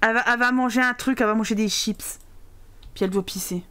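A young woman with a high voice talks through a video game as a let's play commentator. She is excitable, laughs a lot and yells at the game with casual swearing. A faint hiss of noise sits under her voice. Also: fast. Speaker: gaming channel host.

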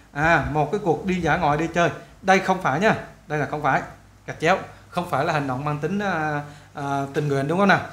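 Guy teaching english, chatty, sounds out words slow bit by bit, roomy echo. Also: on the high side, a bit bright. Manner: chatty, repeats words slowly syllable by syllable. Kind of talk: video lesson, explaining and modeling pronunciation.

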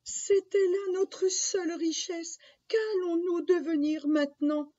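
Une femme jouant une pauvre mère veuve qui se lamente. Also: female voice, steady tone, slow, dark tone. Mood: lamenting. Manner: high, wailing, scolding. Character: poor widowed mother, anxious and quick-tempered. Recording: dull lo-fi recording.

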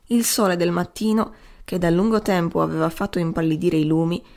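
A woman narrating an audiobook in a measured, literary way. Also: on the low side, darkish tone. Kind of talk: audiobook reading.

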